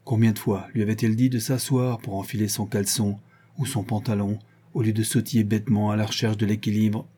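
A man narrating an audiobook in a measured storytelling manner. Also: on the low side, flat delivery, mellow, breathy edge. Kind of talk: audiobook reading.

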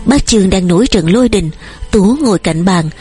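Breathy woman reading a novel. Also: mid-range voice, expressive, fairly quick, mellow. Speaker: audiobook narrator. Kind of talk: scripted narration.

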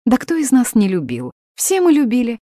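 A woman's voice: fairly high pitch, wildly swooping pitch, moderate pace, warm tone, dry recording, clean studio sound, voice pushed up. A woman voicing a reproachful stern mother. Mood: persuasive. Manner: reproachful, indignant.

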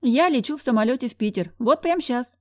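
A woman's voice: fairly high pitch, expressive, voice pushed up, natural voice. A woman playing a brash, mocking woman friend. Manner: mocking, bossy, quick-tongued.

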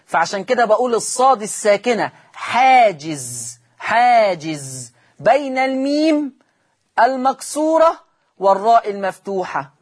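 A man's voice: high-pitched, very animated, a little slow. A man with an Egyptian Arabic accent teaching Quran recitation on a televised lesson, patiently repeating each rule and quizzing his listeners.

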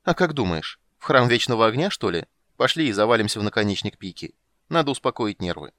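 A man voicing a flustered but charming male bard, talking loudly and breezily. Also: lowish voice, animated, fast, dry recording. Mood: breezy.

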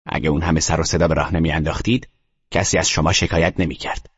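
A man reading an audiobook, voicing a rude, dismissive building concierge with a gravelly tone. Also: rumbling low, fairly even intonation. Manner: curt, dismissive. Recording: muffled audio with long reverb.

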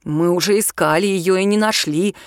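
A woman doing a gruff, curt man. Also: on the low side, moderate pace, dry recording, studio quality, natural voice. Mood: reasoning. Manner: brusque, grumbling. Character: gruff grown man, curt camp organizer.

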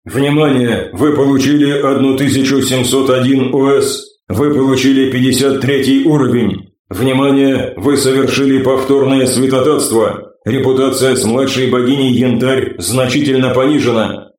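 A man voicing an impersonal game system announcer in an audiobook, flat and announcing, with an echo effect. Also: mid-range voice, normal speed.

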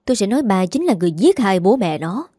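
A woman's voice: medium pitch, very animated, quick pace, no room sound. Defiant scheming young woman, voiced by the narrator, accusing, bitter; dry close audiobook sound. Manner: accusing, sharp-tongued.

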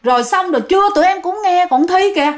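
Scared young clinic workers, talking urgently and insisting they are telling the truth, as a woman storyteller puts them on. The voice is high and jumps around in pitch. It is part of a told ghost story. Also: lively intonation, quick pace. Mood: pleading. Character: frightened group of young women clinic staff, pleading.

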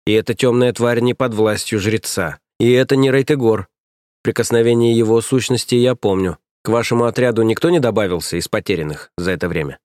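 A calm, sardonic male priest, as a male reader acts him out, composed and unhurried. His voice sits at a middle pitch and is recorded dry and close. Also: no echo, natural voice. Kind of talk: audiobook character voice.

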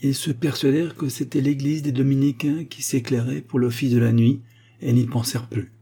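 A male narrator reading a historical novel aloud in a measured, literary manner. His voice is dark and mellow, with a husky edge. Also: mid-range voice, steady tone. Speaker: audiobook narrator.

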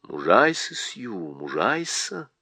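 A man's voice: lowish voice, sing-song, slow pace, sharp tone, husky, dry recording, clean studio sound, pitched below the performer's own voice, heavily acted. A man voicing a proud, decisive young king in a storybook reading, speaking firmly. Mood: steady.

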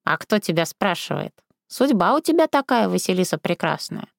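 A woman's voice: lowish voice, very animated, moderate pace, creaky, no room sound, studio quality. A woman reading a storybook and voicing a crafty, rude old village woman who flips between sugary coaxing and coarse scolding. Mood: coaxing, bossy. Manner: sing-song sugary then snapping, coarse.

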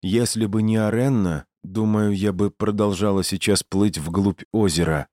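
A man voicing a troubled young woman in a storybook reading, speaking softly and quietly. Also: on the low side, steady tone, measured pace, dry recording, clean studio sound, voice pushed up, close to an everyday voice. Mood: hushed, regretful. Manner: soft, hushed delivery.

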